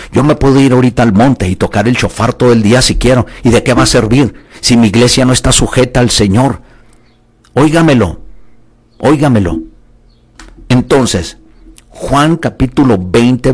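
A man's voice: lowish voice, slightly rough. A man preaching a sermon, reading Bible verses aloud and asking the listeners pointed questions with emphasis.

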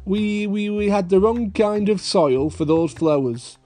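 A man's voice: high voice, measured pace, warm tone, voice pushed up. Man as a genial, blustering father pig. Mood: flustered, genial. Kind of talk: children's cartoon storybook read-aloud.

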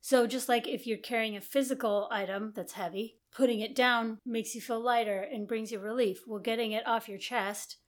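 Woman, middle-aged, fairly high voice, podcast co-host, chatty, encouraging. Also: fairly even intonation, normal speed, few pauses. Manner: chatty and encouraging, with many affirming murmurs. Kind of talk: casual marriage podcast chat.

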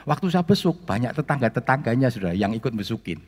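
Male pastor, lively and animated storytelling sermon, echoing church hall. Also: medium pitch, quick pace. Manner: animated, addresses the congregation as "Saudara".

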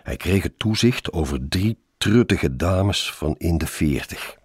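A man's voice: low-pitched, animated, unhurried, darkish tone, breathy edge, no echo, studio quality. A man reading a first-person story aloud in a wry, sardonic manner.

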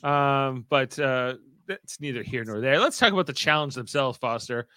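A man's voice: mid-range voice, moderate pace, sharp tone, no room sound, studio quality. A man hosting a casual podcast recap, talking animatedly and acting out quotes in exaggerated voices. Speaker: podcast host.

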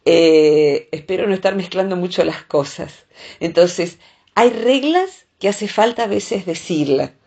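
A woman with a Rioplatense Spanish accent, talking through ideas in a casual podcast chat, often pausing on "eh". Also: fairly low pitch, animated, a little mellow, breathy edge, lo-fi sound. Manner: thoughtful, explains with many filler "eh"s.

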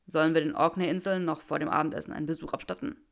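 A nervous young wizard who halts and stammers over his words, as a woman reading a fan story plays him. The voice is pitched a little low, gravelly and rough at the edges. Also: level tone. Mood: teasing. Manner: halting, stammering.

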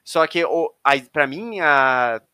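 A man's voice: a little high, expressive, slow, pushed and bright, smooth, no room sound, clean studio sound. A man in a casual book discussion, chatty and eager to add details.

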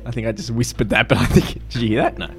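A man's voice: medium pitch, fast, fairly bright tone, soft background music. A young man hosting a casual podcast quiz, chatty and laughing often. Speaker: podcast host reading quiz questions. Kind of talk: casual chat.

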